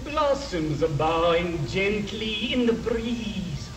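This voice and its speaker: Mystical high-voiced fortune-teller magician. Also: male voice, lively intonation, normal speed. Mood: hypnotic, coaxing. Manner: mystical fortune-teller manner, courtly, formal phrasing. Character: mysterious, suave male stage magician and hypnotist. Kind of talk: theatrical period drama acting. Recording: noisy, roomy, distant film soundtrack.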